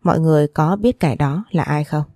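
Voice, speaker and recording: A woman's voice: low-pitched, a little fast, darkish tone, no echo, studio quality, close to an everyday voice. Woman reading as a stern old grandmother. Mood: grave. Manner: scolding, authoritative. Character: stern, commanding elderly grandmother, matriarch.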